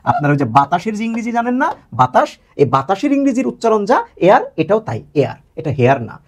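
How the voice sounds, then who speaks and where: A male English teacher explains grammar to his students, his slightly husky voice quick and animated, jumping up and down in pitch. He keeps posing questions and answering them himself, repeating key words to drive them home.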